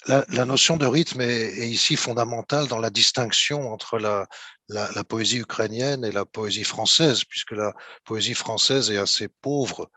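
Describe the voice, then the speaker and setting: Bright-toned husky male moderator. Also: fairly low pitch, moderate pace. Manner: restarts and repeats words. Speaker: seminar moderator. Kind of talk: academic discussion.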